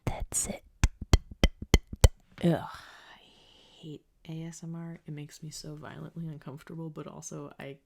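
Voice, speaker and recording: A woman's voice: low voice, level tone, moderate pace, vocal fry. A young woman whispering a rambling, self-deprecating video diary as a music student, recorded on a close desk microphone in her bedroom. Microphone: close condenser desk mic.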